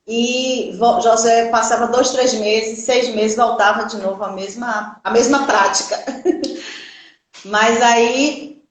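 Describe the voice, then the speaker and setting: A middle-aged Brazilian woman telling a personal church testimony in an earnest, halting way, with many restarts. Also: on the high side, fairly even intonation. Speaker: guest giving a church testimony. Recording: very echoey room.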